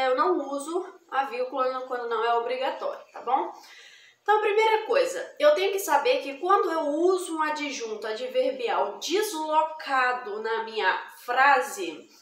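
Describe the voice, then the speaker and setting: Brazilian woman, high voice, grammar teacher checking in with "tá bom?", echoey room, away from mic. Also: fairly bright tone. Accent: Brazilian Portuguese. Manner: tag questions, frequent hesitations. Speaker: Portuguese teacher. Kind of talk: explaining grammar to camera. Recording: roomy, echoey, distant from mic.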